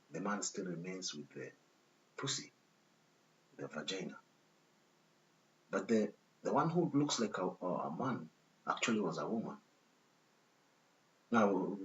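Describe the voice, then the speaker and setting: A man reading a text aloud and breaking off into disapproving commentary, often checking in with "okay?" asides. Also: low voice. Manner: disapproving, lecturing tone. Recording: dull lo-fi recording with faint hiss.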